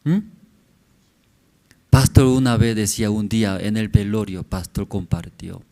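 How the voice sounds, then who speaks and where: A man in his forties preaching a sermon in church. He speaks in short, halting phrases and keeps checking in with the congregation with questioning "mm?" tags. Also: on the low side, creaky, dark tone. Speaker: pastor.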